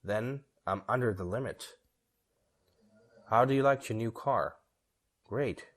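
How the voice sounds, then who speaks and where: A man reading both parts of short scripted dialogues for English learners, steady and measured. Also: medium pitch.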